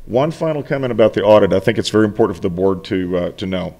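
A middle-aged man, the college's finance officer, presents a formal report to the board from a table in a meeting room, using a desk microphone. His warm, lowish voice moves quickly with lively intonation, earnest and emphatic, though he frequently restarts phrases.

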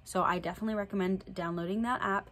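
In a quick, fairly bright mid-range voice with fairly even intonation, a young woman chats casually to camera for a vlog update. She has a slight cold that makes her a little nasal, and her talk is plain and chatty, with fillers like "so yeah." She's in an indoor room in front of a draped backdrop hung with string lights.

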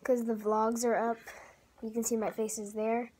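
A woman's voice: on the high side, level tone, normal speed, darkish tone, breathy edge. A young woman hosting her own casual homemade vlog off camera. She rambles and giggles, with lots of likes and ums. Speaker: vlogger. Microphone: off-camera voice, face not shown.

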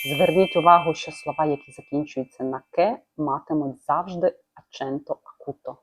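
A woman giving a short, calm language lesson, explaining clearly with examples. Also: low voice, moderate pace, slight background noise. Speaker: Italian language teacher.

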